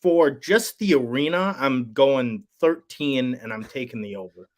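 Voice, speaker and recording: Male co-host, mid-pitched, hesitant rambling chat. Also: a little slow. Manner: rambling, hesitant, many fillers. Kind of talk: casual sports betting chat.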